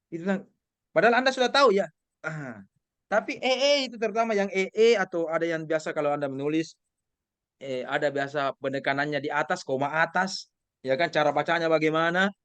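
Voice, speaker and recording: A man giving an informal class lecture, animated and teasing, questioning his students. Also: fairly high pitch, dry recording.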